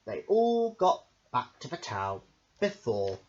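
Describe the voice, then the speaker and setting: Taking it slowly, a man reads aloud from a children's storybook with a wildly animated sing-song that jumps up and down around a middling pitch, dropping in casual asides along the way. A little hiss or hum runs through the dull, lo-fi home recording.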